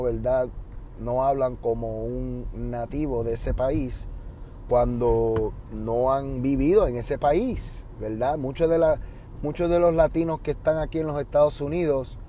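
Slight background noise sits behind this Puerto Rican-accented man, a high school Spanish teacher chatting casually on his podcast. His manner is relaxed, peppered with "¿verdad?" tags and "eh" pauses.

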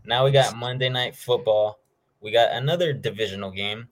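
A man's voice: mid-range voice, moderate pace. A man hosting a sports show, talking casually and informally through his game predictions. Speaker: host of a football picks show.

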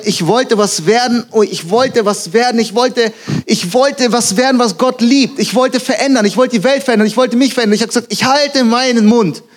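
A young man preaching a sermon, telling animated stories, acting out quotes and laughing at himself. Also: high-pitched.

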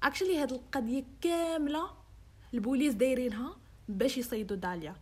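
A young woman, the host, narrates a true-crime case in relaxed podcast conversation, her Moroccan accent clear. She talks quickly in a fairly high, slightly husky voice, mixing in English phrases and acting out the quoted lines of people in her story.

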